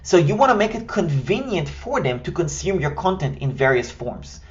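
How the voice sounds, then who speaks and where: This Israeli man, a native Hebrew speaker with an Israeli accent, delivers a scripted, step-by-step tutorial on building an online course in a structured, direct way. His voice is a little high with big pitch swings at normal speed, and the audio is dull.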